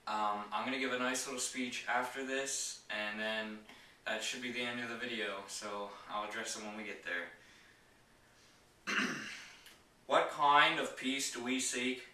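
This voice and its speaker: A man talks casually and haltingly, full of pauses and fillers. His voice is bright and edged, heard from well away from the mic in a strongly echoing room. A faint ambient hum sits underneath. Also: on the low side. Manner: rambling, hesitant, many filler words. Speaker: channel host. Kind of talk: casual talk to camera. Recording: echoey room, mic far off.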